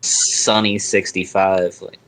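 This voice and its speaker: A man with a fairly low voice chats casually as a guest on a podcast. He speaks informally over a speakerphone call. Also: flat delivery, slow pace, a bit bright, low-quality recording. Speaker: podcast guest, glass artist. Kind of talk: casual chat.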